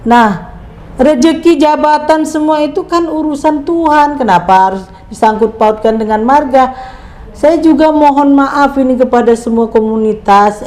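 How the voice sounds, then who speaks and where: Her voice sits high with a darkish tone and a slightly slow pace: a middle-aged woman from Indonesia, a guest in a conversational interview. She drives her points home emphatically through rhetorical questions.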